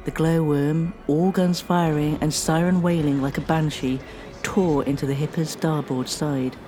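A woman with a very low, dark and mellow voice reads a scripted history narration for radio. Her delivery is measured and steady, easing off the pace to let the dramatic lines land. Faint music sits under her voice. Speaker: radio presenter.

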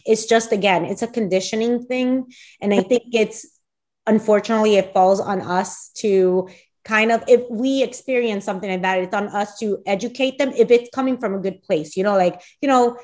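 A woman's voice: mid-range voice, moderate pace, a little mellow. A woman co-hosting a casual podcast, talking in an earnest, reflective way. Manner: earnest, reflective, many fillers. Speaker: podcast co-host. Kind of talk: casual chat.

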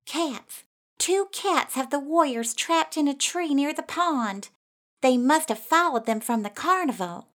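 A woman voicing a worried young female mouse villager in a storybook, urgent and high. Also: expressive, unhurried, fairly bright tone.

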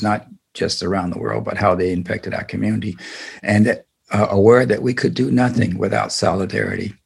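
An older man from the American South, a civil rights attorney answering interview questions in an earnest, deliberate way with many fillers. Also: fairly low pitch, gravelly, husky.

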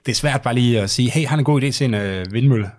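A man co-hosting a casual podcast discussion, speaking hesitantly and filling his pauses with many "uh"s as he looks for words. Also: medium pitch. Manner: hesitant, full of 'uh' fillers while searching for words.

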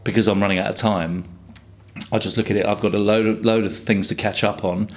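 A man in his fifties with a fairly low voice. He talks as a guest in a loose, casual way, wandering through stories and swearing freely. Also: fairly even intonation, fairly quick. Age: 50s. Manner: rambling storyteller, swears freely. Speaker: guest artist. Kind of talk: casual chat.

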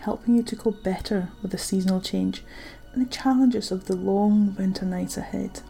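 Like a sleep story guide, a woman narrates a scripted meditation in a warm, mellow, gravelly voice of medium pitch. Her tone stays steady, and her gentle, unhurried phrases trail softly into breath over faint background music.

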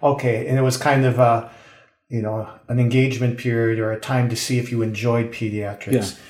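A man's voice: mid-range voice, level tone, normal speed, darkish tone. American male host, roomy sound. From United States. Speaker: radio host. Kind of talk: interview.

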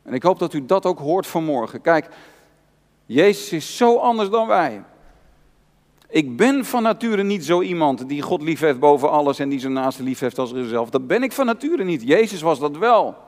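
A man's voice: fairly high pitch, animated, normal speed, a little mellow. A male pastor preaching an earnest, personal sermon, repeating key phrases for emphasis. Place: church hall. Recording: long church reverb.

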